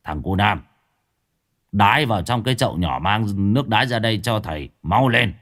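A man's voice: on the low side, lively intonation, moderate pace, a bit bright. A man voicing a drunken middle-aged father coming home late in a ghost story. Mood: commanding.

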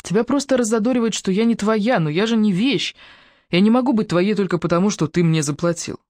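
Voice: mid-range voice, fairly quick, a little mellow, no room sound, clean studio sound, voice pushed up, natural voice. A reader voicing a cornered young woman who answers tensely and defiantly, in an audiobook.

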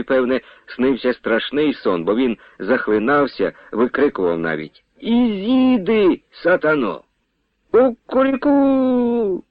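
A man reading a novel aloud for the radio, with an expressive delivery. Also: medium pitch, dry recording. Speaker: narrator. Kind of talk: scripted narration of a novel on radio. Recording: tinny phone-like radio sound.

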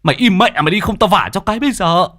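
A man voicing a panicked, short-tempered grown son who snaps and shouts. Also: deep voice, sing-song, normal speed, no room sound, studio quality, pitched below the performer's own voice, full character voice. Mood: panicked, angry. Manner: abrupt, shouting threats.

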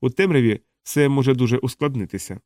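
A man's voice: medium pitch, fast, a little mellow, no echo, clean studio sound, natural voice. A man reading as a firm, practical male expedition coordinator in an audiobook.

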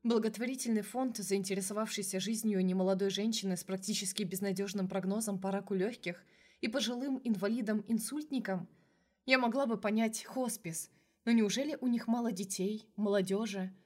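A woman's voice: medium pitch, steady tone, brisk. A woman narrating a first-person novel as an audiobook, reading with strong emotion.

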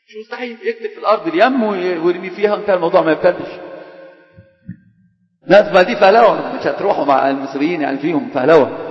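Egyptian sheikh guy teaching class, talks super fast, quizzes students nonstop, big echoey hall, long reverb. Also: high-pitched. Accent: Egyptian Arabic. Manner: quizzes and teases students with rhetorical questions, mixes formal and colloquial speech. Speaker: sheikh teaching a religious text. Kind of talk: classroom religious lesson. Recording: echoey hall, dull sound.

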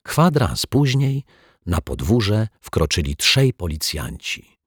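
A man narrating a children's storybook in an expressive, lively storytelling way, close to the mic. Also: lowish voice, slow pace, husky, no echo. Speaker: audiobook narrator.

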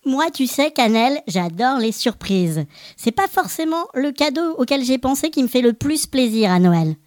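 A woman's voice: high voice, big pitch swings, normal speed, darkish tone, dry recording, studio quality. A woman playing a cheerful little male Christmas elf, hosting a children's podcast with playful exclamations. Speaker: podcast host.

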